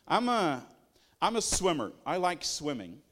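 A man's voice: a little high, very animated, unhurried, fairly bright tone. A man giving a sermon-style teaching, talking in an emphatic, rhetorical way with lots of repetition. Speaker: preacher.

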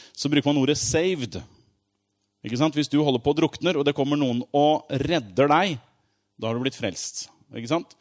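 Man preaching an informal sermon. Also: fairly high pitch. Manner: conversational, explains with everyday examples, frequent fillers and asides.

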